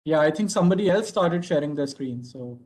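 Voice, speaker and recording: A man, heard over a video call, gives a conference address in a halting way with frequent ums. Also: on the high side, animated, darkish tone. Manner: halting, with frequent ums while checking his screen share. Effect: remote speaker heard over a video call. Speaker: senior advisor giving an opening address. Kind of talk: conference presentation.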